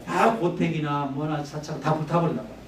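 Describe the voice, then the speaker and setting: A man's voice: a little high, steady tone, fast talker, slight background noise. A man giving a public history lecture, chatty and conversational, often putting questions to his audience. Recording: echoey hall, mic at a distance.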